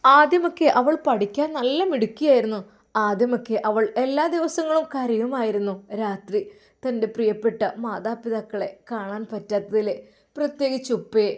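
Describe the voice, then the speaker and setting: A woman's voice: a little high, normal speed. A woman narrating a religious family story in an earnest, emotive way.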